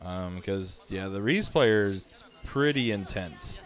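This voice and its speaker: Sleepy low-voiced man commentating a game. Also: animated, takes it slowly, soft background music. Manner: easygoing, thinking aloud with many fillers. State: sleepy, yawning. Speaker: live streamer commentating matches. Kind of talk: casual fighting game commentary.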